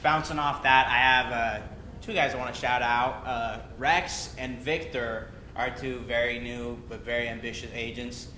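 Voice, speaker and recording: A man giving a sincere shout-out to coworkers at a meeting, with a few hesitations. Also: fairly even intonation, moderate pace. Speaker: real estate agent. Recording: echoey room, faint rumble.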